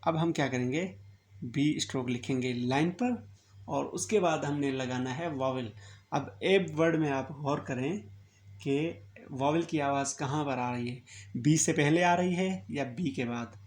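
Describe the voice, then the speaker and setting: A man's voice: on the high side, a little slow, darkish tone. Patient man teaching shorthand. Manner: patient, repetitive, checks "clear?" after each word. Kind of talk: step-by-step classroom instruction.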